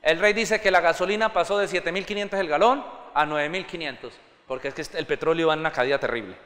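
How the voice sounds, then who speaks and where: A man preaches with a high, bright, ringing voice that carries through a reverberant church hall. His sermon is passionate and climbs to fervent peaks. He acts out everyday scenes along the way. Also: quick pace. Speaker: pastor.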